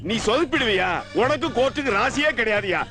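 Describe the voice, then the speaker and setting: A man's voice: very high-pitched, animated, brisk. A man playing a brusque, commanding police inspector in a film comedy. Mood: scolding. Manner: curt, commanding.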